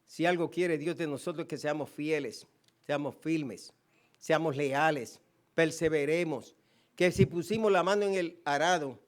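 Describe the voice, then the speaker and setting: Man, Puerto Rican accent, pastor preaching, high voice, emphatic repetition. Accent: Puerto Rican Spanish. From Puerto Rico. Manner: emphatic preaching with repeated phrases and quoted scripture. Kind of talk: sermon.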